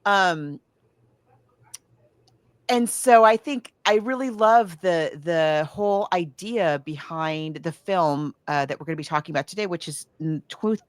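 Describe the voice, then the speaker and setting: A woman co-hosts a podcast, chatting casually about books and films in a rambling, animated storyteller's way and acting out quotes as she goes. Her voice sits on the low side at a measured pace, and the recording is dry.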